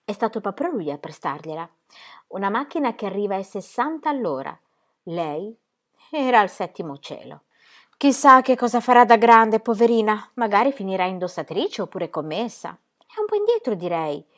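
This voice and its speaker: A woman's voice: medium pitch, very animated, normal speed, close to an everyday voice. A woman reading aloud and voicing a sleepy, dismissive grown daughter with a languid, sardonic manner. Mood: weary. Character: weary adult daughter, sleepy, dismissive singer.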